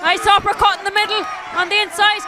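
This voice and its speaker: A man giving live play-by-play fight commentary from ringside in short, punchy, excited calls. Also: extremely high pitch, fast. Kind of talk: live combat sports commentary. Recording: noisy live venue, loud crowd.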